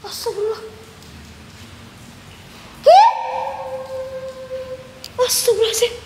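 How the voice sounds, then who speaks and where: A woman's voice: extremely high pitch, big pitch swings, slow pace, darkish tone. A young woman live-streaming a haunted house exploration, nervously muttering prayers and chatting in slang with her viewers. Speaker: ghost-hunting live streamer. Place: abandoned house, indoors. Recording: echoey, reverberant empty building, faint noise.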